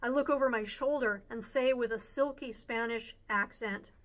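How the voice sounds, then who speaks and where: A woman narrating a first-person audiobook in an expressive, youthful storytelling manner. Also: fairly high pitch, moderate pace, low-quality recording.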